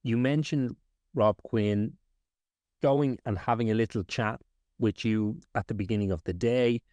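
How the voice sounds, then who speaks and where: A man hosting a filmmaking podcast, asking measured, thoughtful questions. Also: lowish voice, a little mellow, no room sound. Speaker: podcast host, writer-director. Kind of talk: interview questions.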